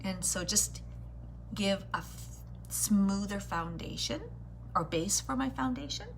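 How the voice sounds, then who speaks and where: A woman's voice: medium pitch, lively intonation, unhurried, gravelly, a little hiss or hum. A woman hosting a live beauty vlog, talking casually and directly to her viewers as she does her makeup. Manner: chatty, addressing viewers directly with greetings and endearments. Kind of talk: casual livestream chat while doing makeup.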